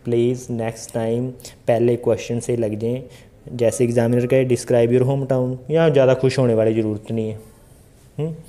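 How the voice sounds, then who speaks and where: Dark-voiced chatty male IELTS coach. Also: mid-range voice, fairly even intonation, fairly quick. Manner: chatty, addresses viewers directly with rhetorical questions. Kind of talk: casual Hindi tutorial monologue.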